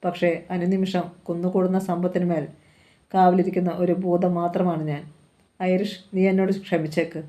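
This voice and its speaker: Brief: woman reading an old rich man from a storybook, low flat delivery. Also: normal speed, natural voice. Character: old wealthy man, pleading then domineering.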